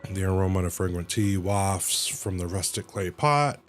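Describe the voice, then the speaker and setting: Over background game music, a man livestreams gameplay in a low, expressive voice at normal speed. He reads the dialogue out casually, reacts with slang, and now and then trips over words before correcting them.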